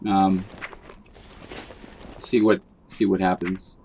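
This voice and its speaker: A man's voice: low-pitched, flat delivery, slow, gravelly, darkish tone, slight background noise. Rambling man streaming a game. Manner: rambling, with many fillers and restarts. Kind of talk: casual chat while gaming.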